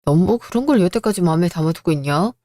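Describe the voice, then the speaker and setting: A favored elder brother who talks down to his younger sibling in a placating way, voiced by a woman. He sounds smooth and self-satisfied. It is a close, dry radio-drama read. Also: on the low side, expressive, quick pace, mellow, dry recording, lightly acted. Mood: condescending. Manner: condescending, placating.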